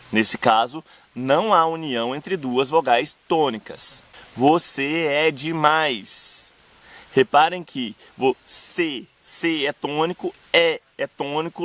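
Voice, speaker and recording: A young Brazilian man with a Brazilian Portuguese accent runs a video lesson on poetic meter as a poetry teacher and channel host. His voice is a little high and fairly bright, and he addresses viewers directly, slowing down when he recites verse examples.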